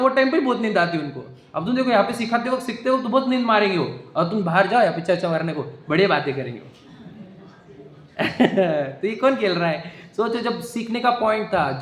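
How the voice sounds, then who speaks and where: A man's voice: sits high, slight background noise. A man giving a religious discourse to a seated audience in a hall, explaining step by step and often asking the listeners whether they follow. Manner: explanatory, keeps questioning the listeners. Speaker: Jain religious teacher. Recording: echoey hall.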